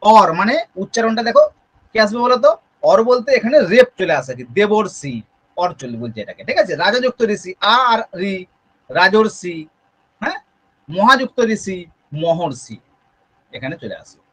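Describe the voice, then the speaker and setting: Bengali guy tutor, pretty high pitched, walks through rules step by step and quizzes the class. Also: big pitch swings, normal speed, pauses often, fairly bright tone. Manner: explains step by step, keeps asking the students questions. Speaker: Sanskrit tutor. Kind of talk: exam-prep grammar lesson.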